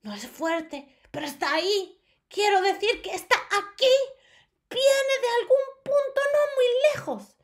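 A shrill witch, as a woman reads her aloud shrieks about a scent she has caught. Her voice jumps very high and swings widely. She sounds panicky and excited throughout. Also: measured pace, heavily acted. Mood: alarmed. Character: shrill panicky female witch sniffing the air. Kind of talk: storybook reading.

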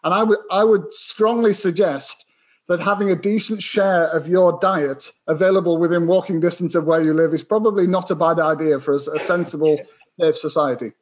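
A man makes his case on a video-call panel. His voice sits a little high. He is forthright and persuasive and appeals directly to his listeners. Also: moderate pace.

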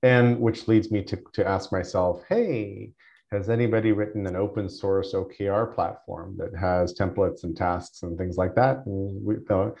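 A man's voice: fairly low pitch, fairly even intonation, moderate pace, gravelly, darkish tone, muffled recording. A man hosting a meeting over a conference call, rambling with frequent restarts. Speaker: meeting host. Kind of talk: casual meeting chat.

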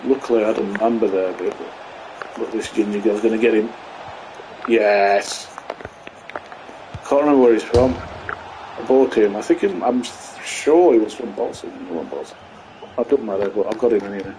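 A man's voice: fairly low pitch, moderate pace, pauses often, noisy background. A man hosting a gaming channel, chatting to viewers in a rambling way while commentating a football video game. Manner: excitable bursts at goals.

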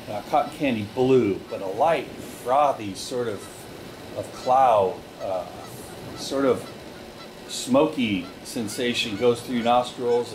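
A man leading a relaxation group through guided breathing, giving slow, calm step-by-step directions. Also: mid-range voice, background noise.

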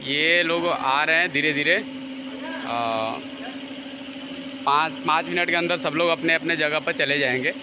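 An Indian vlogger shows viewers around a factory's large workshop and yard, narrating casually and repetitively into a handheld phone. His voice sits on the high side, and he speaks unhurriedly with long pauses. Background noise is audible.

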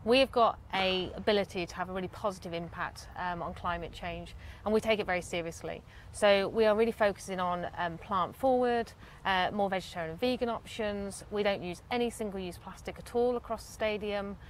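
A woman operations director talks earnestly in an interview, pausing on fillers. She is recorded outdoors in a garden on a lapel mic, with faint ambience behind. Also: mid-range voice, slight background noise. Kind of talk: interview answers.

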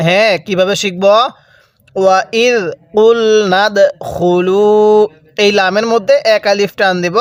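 A man teaching Quran reading, slowly drawing out example words and then explaining the rules. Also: sits high, no room sound. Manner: slow drawn-out recitation of example words, then brisk explanation. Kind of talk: recitation lesson, spelling out words.

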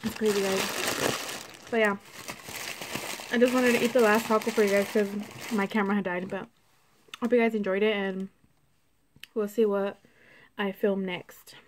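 At a moderate pace and steady tone, a mid-range-voiced woman in her twenties eats on camera, chewing between rambling, filler-heavy remarks and pausing often. Her phone rests at arm's length on a table in a small room at home, and the rough recording carries background noise and clicks.

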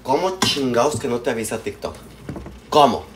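Cooking at home late at night, a live streamer with a Mexican accent and a fairly low voice chats at normal speed with his audience. He's warm and slangy, calling viewers by name and by pet names, while kitchen noise of frying and rattling dishes fills the background.

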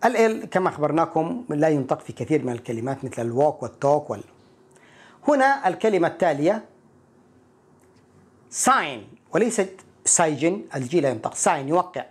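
A man teaching an English pronunciation lesson, explaining each point and repeating words slowly to model them. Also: on the high side, sing-song, a little mellow, breathy edge.

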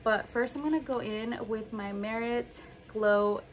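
Her voice a little high and her pace a little slow, a lifestyle vlogger in her twenties keeps things upbeat while chatting to the camera at home. She films in the living room and bedroom, filling her speech with "like" and "just."

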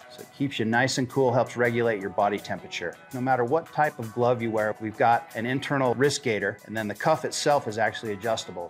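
A middle-aged man, a ski shop salesman, giving a steady, friendly product demonstration of a jacket. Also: mid-range voice.

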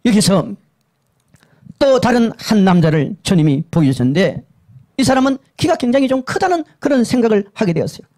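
A male pastor preaching a sermon that recounts a vision, emphatic and repetitive, dropping to hushed lows and rising to urgent highs. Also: very animated, brisk. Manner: emphatic and repetitive, swinging between low hushed and high urgent tones.

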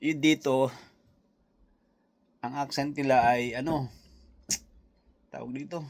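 A man's voice: mid-range voice, steady tone, takes it slowly. A Filipino man with a Visayan accent, chatting casually and rambling through viewer comments as a vlogger. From Philippines. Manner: rambling, chatty, full of fillers and asides. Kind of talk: casual chat. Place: New Zealand.

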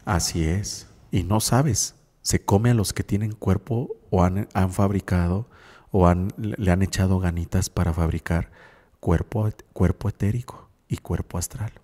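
Deep-voiced man hosting radio. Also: measured pace, mellow, long reverb tail. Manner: reflective, keeps asking "sí?". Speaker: radio host psychologist. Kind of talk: spiritual talk radio.

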